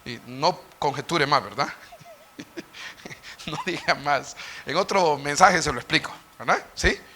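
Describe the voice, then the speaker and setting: A man preaching a sermon as pastor, asking the congregation questions and acting out Bible figures with sudden shouts. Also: fairly high pitch, slow pace, a little hiss or hum. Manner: dramatic, acts out Bible characters with sudden shouts; questions the congregation and answers himself. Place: church sanctuary.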